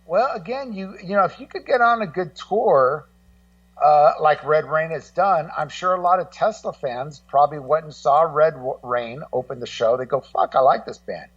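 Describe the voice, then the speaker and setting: A middle-aged guest co-host who makes music documentaries talks casually about the music business on a music show. His voice is fairly high at a normal speed, and he rambles, repeats himself, and uses some salty language, with muffled, distant-sounding audio.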